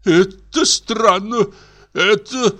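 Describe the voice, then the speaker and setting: A man voicing a pompous, indignant bank director who talks in a high, outraged, stiffly formal way. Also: very slow, sharp tone, full character voice.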